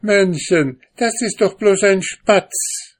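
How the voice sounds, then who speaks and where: A man's voice: high-pitched, slow, pitched above the performer's own voice. Mocking housewife, a man doing her voice. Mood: scolding. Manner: scolding, dismissive. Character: sharp, mocking housewife, stubborn.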